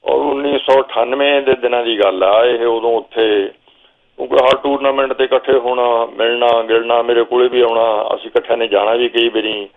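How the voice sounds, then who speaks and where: A man's voice: medium pitch, fairly even intonation. Older Punjabi man with a phone-line sound. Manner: slow reminiscing storyteller, quotes himself calling instructions. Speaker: guest. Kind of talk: storytelling interview.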